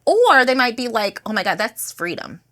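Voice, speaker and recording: A middle-aged woman talking as a podcast guest, lively and conversational, often checking in with "right?". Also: a little high, normal speed. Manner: animated, tags statements with "right?". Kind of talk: conversational interview.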